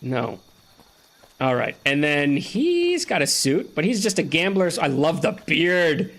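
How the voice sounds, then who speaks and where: A man chats and jokes his way through a video game playthrough, talking to a friend as he goes. His voice sits a little high, and his delivery is loose and playful. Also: sing-song, a little slow, a bit bright. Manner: chatty, joking, talks to a friend on a call. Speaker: gaming streamer. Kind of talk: casual let's-play commentary.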